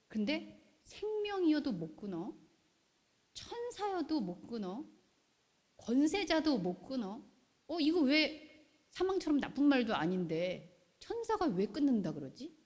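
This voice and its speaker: A woman pastor preaching a sermon in a lively way, often putting questions to the congregation. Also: sits high, a little slow. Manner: animated, asks the congregation questions. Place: church hall. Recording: long hall reverb.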